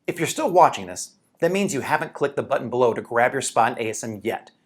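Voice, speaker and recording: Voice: mid-range voice, expressive, fast. A narrator reading a scripted promotional voice-over, reassuring and answering doubts. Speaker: sales pitch narrator.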